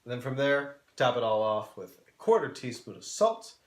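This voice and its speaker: Man co-host, mid-pitched, playful and salesy, recipe steps, roomy kitchen echo. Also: big pitch swings, normal speed. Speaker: cooking show co-host. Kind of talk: casual cooking demo chat. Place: kitchen studio. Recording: echoey kitchen room.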